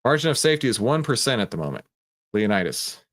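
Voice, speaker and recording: The host of a live stock trading stream talks fast in a mid-range, sing-song, slightly bright voice, chatting casually with viewers about the market. Conversational and emphatic, he explains things, asks and answers his own questions, and often tags his points with "right?"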